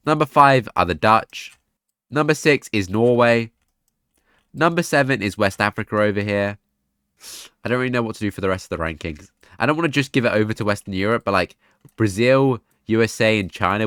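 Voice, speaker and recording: A man's voice: fairly low pitch, a bit bright, clean tone, dry recording, clean studio sound. A man, sick and congested, casually narrating a map scenario game in a rambling, offhand way. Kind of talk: casual gaming commentary.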